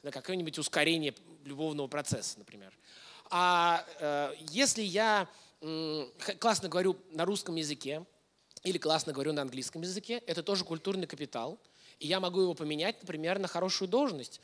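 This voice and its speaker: On a hall stage in front of a projection screen, a lecturer likely in his thirties delivers a masterclass in a brisk, fairly high and fairly bright voice. His style is conversational and casual, with many questions tossed to the audience.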